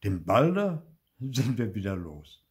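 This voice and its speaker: A man's voice: on the low side, big pitch swings, slow pace, darkish tone, voice pushed up. An older man voicing a playful father who teases his son with mock regret. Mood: teasing.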